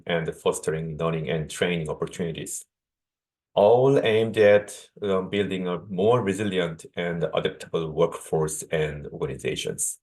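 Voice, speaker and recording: Man, Korean accent, very low voice, careful lecturing, video call. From South Korea. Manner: careful, measured lecturing with small restarts. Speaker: guest speaker, associate professor. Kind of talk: conference keynote presentation.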